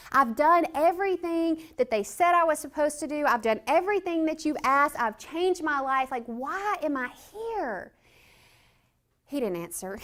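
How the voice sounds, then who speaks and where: A woman in her thirties tells her story of addiction and prison as a testimony, in a voice of middling pitch. She acts out what others said with sudden leaps in pitch and loudness. The telling is direct and personal. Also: clear, resonant tone. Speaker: reentry speaker.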